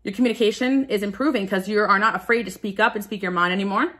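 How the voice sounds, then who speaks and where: A woman's voice: medium pitch, fast, a bit bright. A woman giving a casual pick-a-card tarot reading, candid and confessional, who often stumbles over her words.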